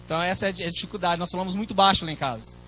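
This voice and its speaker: A man's voice: high voice, very fast, sharp tone, faint music behind, poor audio. A middle-aged man with a Brazilian Portuguese accent, a pastor preaching a sermon in a conversational way, with asides to the congregation.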